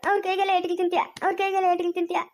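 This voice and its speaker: A woman playing an angry mother who scolds her young son, with a rural Chikkaballapur Kannada accent. She keeps repeating the same sharp questions. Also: very high voice, monotone, racing. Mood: angry scolding. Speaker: actor in a family drama. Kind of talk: amateur family drama acting.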